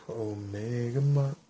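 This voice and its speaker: A man streaming a video game live, giving casual, rambling commentary and reading the player's dialogue lines aloud, with faint hiss behind him. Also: medium pitch.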